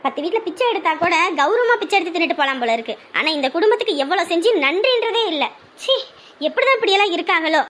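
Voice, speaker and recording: A woman scolds sharply and indignantly, her pitch very high. Her talk is loud and rapid-fire in a village family quarrel. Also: sing-song, a little hiss or hum. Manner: lamenting then fiercely scolding. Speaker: wife of the brother, sister-in-law of the bride's side. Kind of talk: rural family drama acting.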